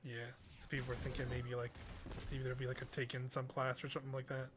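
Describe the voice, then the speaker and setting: A man's voice: mid-range voice, monotone, quick pace, noisy background. A young man chatting casually as a game streamer, with a hesitant, rambling, slangy way of talking. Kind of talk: casual chat while gaming.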